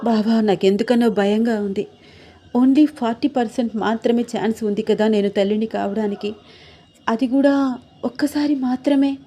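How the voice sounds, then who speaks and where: A woman's voice: medium pitch, steady tone, a little fast, lightly acted. Woman reading as an anxious young wife. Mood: tearful soft. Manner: soft, pleading.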